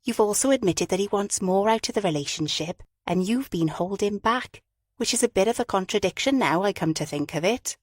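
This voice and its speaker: A woman's voice: medium pitch, animated, brisk, dry recording, studio quality, natural voice. A woman voicing a frank, chatty friend. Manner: frank, teasing, talkative.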